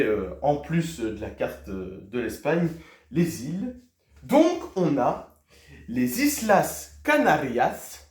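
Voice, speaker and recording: Male language teacher, drawn-out and animated delivery, quizzes viewers, repeats words to drill them. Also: fairly high pitch. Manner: teacherly, poses quiz questions to viewers; hesitant fillers, repeats key words. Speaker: Spanish teacher. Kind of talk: video lesson. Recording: echoey room.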